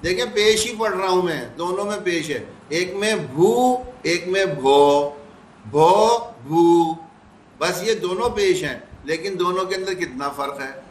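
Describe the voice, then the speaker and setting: A man teaching recitation, patiently repeating sounds slowly to demonstrate them. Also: high voice, a bit bright, roomy sound, a little hiss or hum. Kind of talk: explanatory lesson.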